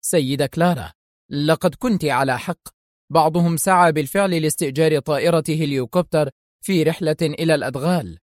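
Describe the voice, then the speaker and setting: Casting: edgy male underling, read by a male narrator, fairly high voice, dry close sound. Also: dry recording, close to an everyday voice. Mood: tense. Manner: quick, obedient answers. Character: tense male henchman on the phone.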